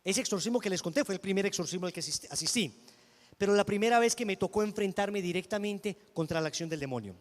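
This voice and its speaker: A man preaching a sermon and telling a personal testimony, emphatic, moving between loud declaiming and hushed storytelling. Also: sits high, fast, long reverb tail.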